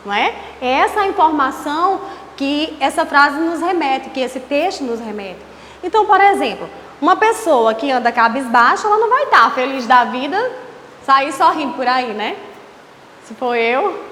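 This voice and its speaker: A Brazilian woman teacher giving an online class, explaining slowly and asking rhetorical questions. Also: sits high, fairly bright tone. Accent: Brazilian Portuguese. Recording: echoey room with faint hiss.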